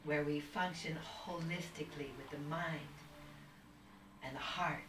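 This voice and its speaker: Her voice sits low, with fairly even intonation and an unhurried pace. She is a woman guest on a video call, talking at length in a rambling, spiritual, searching manner with many restarts, as casual conversation. Recording is distant and roomy, faintly noisy.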